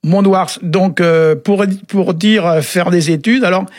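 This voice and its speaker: A man explaining word meanings on a radio show in a relaxed, halting way, often pausing with filler sounds. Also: high-pitched, no room sound, clean studio sound. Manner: halting, often adds "hein" and "euh". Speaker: Breton language expert on a radio show.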